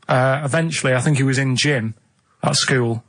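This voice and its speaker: A man in his thirties, a regular on a radio show, talking in a plain, deadpan way and getting defensive when teased. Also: mid-range voice, moderate pace. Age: 30s. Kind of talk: casual radio chat.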